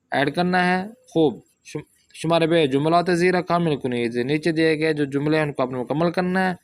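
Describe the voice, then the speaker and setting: A man teaching a Persian language lesson from a workbook, reading example sentences slowly and then explaining them step by step. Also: on the high side.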